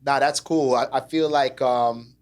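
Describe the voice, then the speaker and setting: A man at mid pitch hosting a conversation. His talk is easygoing and slangy, and he strings short affirmations together between his questions. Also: fairly even intonation, unhurried. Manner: laid-back, slangy, repeats "word". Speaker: interview host. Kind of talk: casual interview chat.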